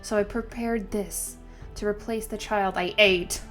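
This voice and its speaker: Woman reading a sneaky demon little girl from a manga, plaintive, soft, fake innocent, music behind. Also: mid-range voice, steady tone, unhurried, lightly acted. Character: deceitful demon girl child feigning innocence.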